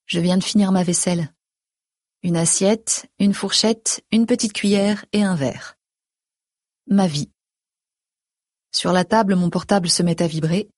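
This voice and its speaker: Breathy woman reading a novel aloud. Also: fairly low pitch, a little mellow, no room sound, clean studio sound. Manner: measured, introspective reading. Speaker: audiobook narrator. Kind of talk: first-person audiobook narration.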